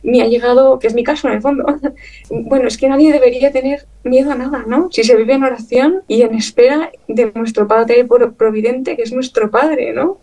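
A woman from Chile, a guest in an interview, telling her story in an emotional, animated way, full of fillers and quick laughs. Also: fairly high pitch, recorded from a distance, rough recording. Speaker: guest, illustrator. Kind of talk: conversational interview.

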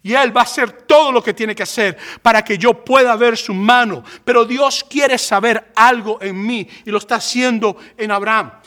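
A male preacher delivers a passionate sermon. His voice sits high for a man and rings bright and forceful. He swells to emphatic peaks. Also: moderate pace, few pauses. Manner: impassioned, rising to emphatic peaks.

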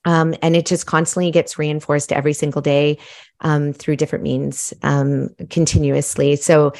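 Low-voiced woman telling her story. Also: normal speed, gravelly. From Malawi. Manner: animated, self-reflective storytelling. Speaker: guest. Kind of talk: casual storytelling.

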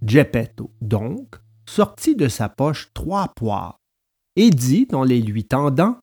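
A man narrating a children's story in an expressive, storytelling manner. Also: medium pitch, takes it slowly, breathy edge. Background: soft guitar music.

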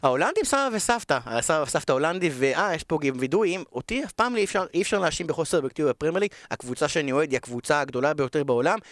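A man's voice: a little high, expressive, hardly any pauses, a bit bright, no room sound. A man with an Israeli accent talking casually as a football broadcaster being interviewed, emphatic and repeating phrases for stress. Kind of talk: casual podcast conversation.

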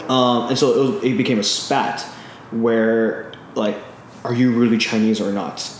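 Unhurried and fairly even in intonation, the man's medium-pitched voice carries a long, casual retelling of a film on a podcast he co-hosts. He's from California, says um a lot and keeps restarting, and the room is very echoey with faint noise.

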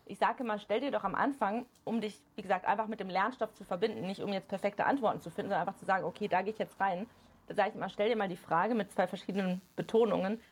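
A woman who works as a study coach, a guest on a podcast, explaining in a fast, animated way full of fillers. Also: medium pitch, breathy edge. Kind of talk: casual chat.

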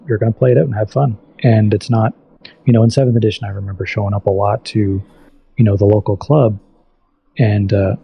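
A man's voice: lowish voice, lo-fi sound. A man chatting casually as a podcast guest, conversational and often restarting his thoughts. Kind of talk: casual chat.

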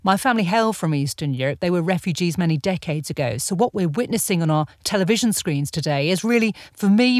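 A woman's voice: fairly low pitch, dry recording, studio quality. A woman co-hosting a current-affairs podcast, talking in an articulate, reflective way. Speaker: podcast co-host. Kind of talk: conversational current-affairs analysis.

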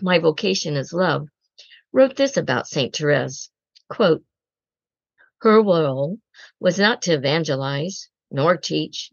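A woman gives a slow, reflective spiritual talk as a Secular Carmelite speaker, deliberately quoting prayers and reflecting on them. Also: deep voice, no echo, lo-fi sound.

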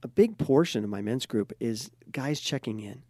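A couples therapist and host with a mid-range voice chats casually at normal speed, telling a client's story and acting out quotes with energy. The sound is studio quality with no echo.

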